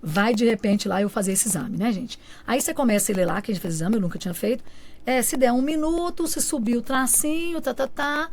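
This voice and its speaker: On a radio show, a woman with a brisk, somewhat high voice shares an emotional personal testimony as a guest in the studio. She tells it animatedly, often acting out the lines her family and friends said.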